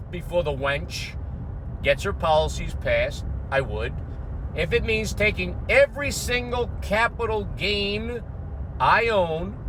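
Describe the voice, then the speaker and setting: A middle-aged man with a high-pitched voice and a Queens New York accent. He delivers an unscripted rant, brash and emphatic, swearing freely. Faint noise sits behind his voice. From Queens, New York, United States. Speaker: host of a finance commentary channel. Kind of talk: unscripted political rant to camera.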